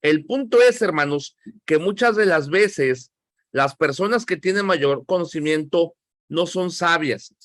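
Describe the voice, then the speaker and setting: A man's voice: fairly high pitch, animated, a little slow, a bit bright, dry recording, clean studio sound. A man with a Mexican accent teaching a Bible class, talking conversationally and asking the class questions.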